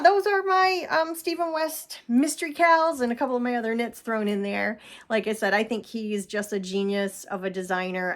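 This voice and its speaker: A woman hosting a knitting vlog, chatting casually about her shawls with frequent laughs and fillers. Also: mid-range voice. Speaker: knitting podcast host. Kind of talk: casual chat showing knitted projects. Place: home.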